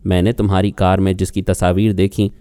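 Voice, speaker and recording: A man's voice: deep voice, little pitch movement, dark tone, clear, resonant tone, dry recording. A man voicing a jealous young wife who accuses and argues, in an audiobook reading. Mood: sarcastic. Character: jealous young woman, sharp-tongued wife.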